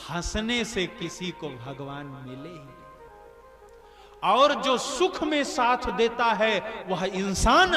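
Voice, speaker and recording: A man telling a sacred story as a devotional sermon, addressing his listeners and drawing lessons for them. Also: sits high. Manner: addresses audience as gentlemen, moralizing. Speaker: religious storyteller. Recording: echoey hall with music behind.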